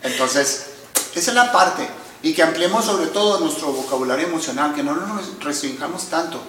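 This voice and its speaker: Bright-toned therapist in echoey room. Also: male voice, on the high side, a little hiss or hum. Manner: calm, measured, teacherly, often addresses listeners. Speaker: psychotherapist guest. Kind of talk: explanatory conversation. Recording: echoey room, distant mic.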